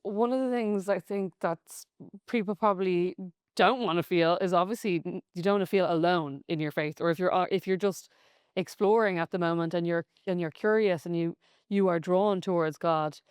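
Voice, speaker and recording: A woman hosting a podcast conversation about faith, speaking in a measured, reflective way. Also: lowish voice, darkish tone, clean tone, dry recording, clean studio sound. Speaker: podcast host.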